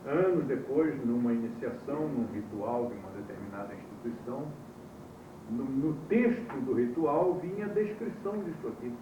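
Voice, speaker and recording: A man's voice: medium pitch, expressive, moderate pace, distant mic, noisy background. Man lecturing on an old VHS tape. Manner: storytelling, wry, quizzing the class. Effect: old VHS tape recording. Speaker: course instructor. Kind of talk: classroom lecture. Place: classroom with students. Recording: muffled, echoey old VHS tape from afar.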